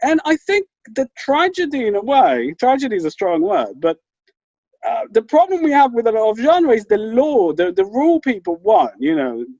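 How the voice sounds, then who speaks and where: A male writer talking as a panel guest, animated and conversational, often restarting his sentences and leaning on "you know.". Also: extremely high pitch, normal speed, no echo. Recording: dull lo-fi call audio, dry.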